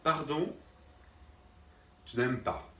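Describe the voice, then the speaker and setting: Drawing out his words in a fairly high, fairly bright voice, the man plays a drama teacher whose patience with unseen students wears thin. He keeps asking whether they agree with "d'accord?" in this comic solo sketch, heard from a distant mic in a roomy room.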